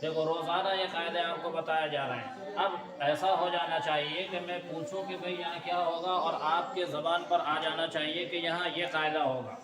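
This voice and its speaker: A man with a fairly high voice gives a tajweed lesson and chants each phrase slowly and at length for a pupil to repeat. His explanations are firm and patient. The room is echoey, and his voice is picked up from a little distance. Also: steady tone, crowd noise. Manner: slow, drawn-out chanted examples between firm, patient explanations. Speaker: Quran recitation teacher.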